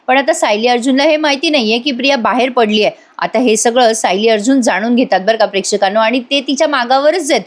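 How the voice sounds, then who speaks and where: A woman's voice: a little high, quick pace, hardly any pauses. A woman giving a casual voice-over review of a TV serial, chatting directly to viewers.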